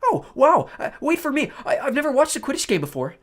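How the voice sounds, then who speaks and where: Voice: medium pitch, big pitch swings, fast talker, a bit bright, voice pushed up. A reader voicing an eager, star-struck young schoolboy who gushes breathlessly and trips over his words. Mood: excited, gushing.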